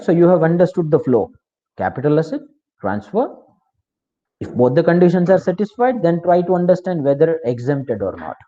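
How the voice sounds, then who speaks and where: A man's voice: on the high side, warm tone. A man with an Indian English accent teaching tax law in an online class, explaining step by step and asking the class questions. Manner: explanatory, repeats key terms, asks the class questions. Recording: slightly dull, lo-fi.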